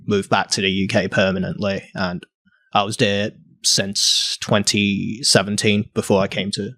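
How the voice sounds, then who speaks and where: A young man from Hong Kong, a guest artist in a casual interview, talking haltingly with many fillers and restarts. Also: on the low side, level tone, fairly bright tone, dry recording, studio quality.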